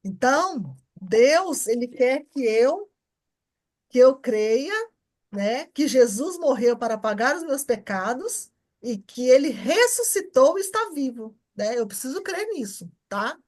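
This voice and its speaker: Brazilian woman teaching bible class, very animated, swoops up and down, keeps asking "got it?". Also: high-pitched, slow. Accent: Brazilian Portuguese. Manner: repetitive, keeps checking understanding with short tags. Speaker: church welcome class teacher.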